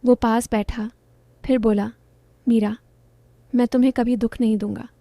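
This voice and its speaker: A woman narrating a first-person romantic story in short, gentle sentences. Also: fairly high pitch, flat delivery, normal speed, no echo.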